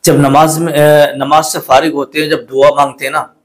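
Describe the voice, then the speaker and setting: A man's voice: a little high, flat delivery. A man teaching a religious lesson in polite, patient with a lilt. He corrects common mistakes and repeats words carefully. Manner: recites the Arabic prayer slowly in a melodic chant. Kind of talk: religious instruction to camera.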